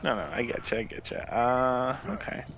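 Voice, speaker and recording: A man's voice: medium pitch, moderate pace. A man co-hosting a casual gaming podcast, talking in a laid-back, rambling way and laughing often. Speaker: podcast co-host.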